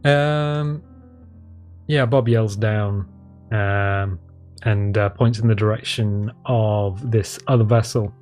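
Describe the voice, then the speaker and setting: A man improvising narration as game master of a tabletop game, halting and hesitant. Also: fairly low pitch, fairly even intonation, a little mellow. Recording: music playing behind the voice.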